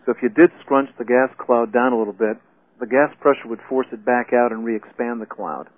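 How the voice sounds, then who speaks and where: A man's voice: medium pitch, a little fast, no echo. A man speaking as a physics professor, explaining science in an interview. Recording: narrow phone-like radio sound.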